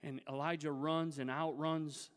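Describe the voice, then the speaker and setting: A man's voice: fairly high pitch, level tone, unhurried, clean tone. A male pastor preaching a sermon, retelling a Bible story in a conversational, emphatic way. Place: church sanctuary. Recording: reverberant church sanctuary.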